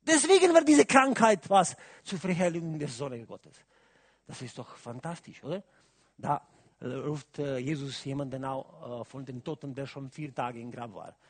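A male preacher with a high, husky voice. He talks to his congregation and keeps asking them questions. His delivery swings between soft, thoughtful stretches and loud, emphatic calls. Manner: asks the audience questions, adds "oder?" often. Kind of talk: sermon.

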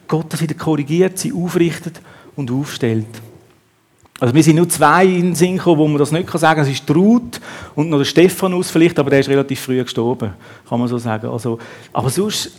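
A man's voice: fairly high pitch, darkish tone. A man preaching a sermon, acting out the quotes in the story with a raised voice.

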